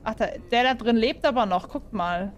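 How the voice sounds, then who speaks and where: A woman's voice: on the high side, moderate pace. A young woman playing a horror game and commenting for her viewers, jumpy and full of exclamations, often asking them questions. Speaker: gaming YouTuber.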